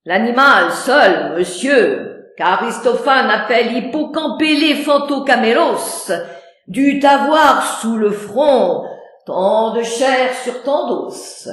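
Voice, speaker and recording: A woman's voice: fairly high pitch, very animated, slow, very echoey. A woman playing a proud, mocking theatrical swordsman, declaiming verse like a hammy stage actor. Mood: forceful, mocking.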